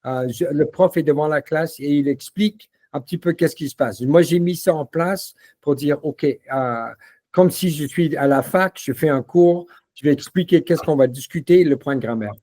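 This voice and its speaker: Relaxed man with a mellow voice. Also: a little high, moderate pace. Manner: relaxed, repeats words, many fillers. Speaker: language trainer demonstrating a learning platform. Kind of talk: casual software walkthrough.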